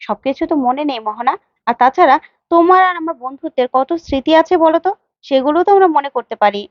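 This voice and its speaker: A woman's voice: high-pitched, expressive, quick pace, dry recording, dull audio. A woman voicing a young married man who answers firmly and defensively. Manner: firm, defensive.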